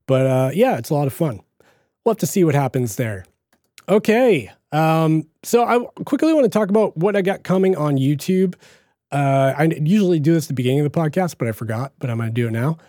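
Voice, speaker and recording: A man's voice: a little high, animated, fairly quick, dark tone, no echo, studio quality. Chatty Boston man hosting a podcast. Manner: rambling, chatty, frequent fillers and restarts. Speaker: podcast host. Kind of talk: casual solo podcast talk.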